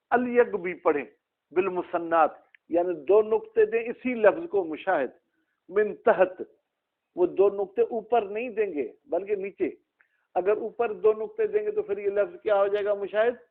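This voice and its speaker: A man's voice: sits high, a little slow. A male religious teacher giving a classroom lesson, asking his students questions by name. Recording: tinny phone-like sound.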